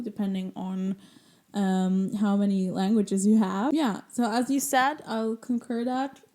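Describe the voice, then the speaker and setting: A young woman from Libya co-hosts a podcast in an easy, friendly manner. Her voice is slightly high and mellow, and she laughs softly. She keeps the chat encouraging. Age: 20s. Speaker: podcast co-host. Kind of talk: casual chat.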